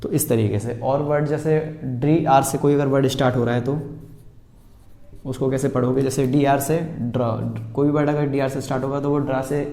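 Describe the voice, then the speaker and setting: A man teaching basic English reading in Hindi, sounding out words slowly, repeating them and asking the viewer how to read them. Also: mid-range voice, fairly even intonation, mellow, echoey room. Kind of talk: spoken classroom lesson.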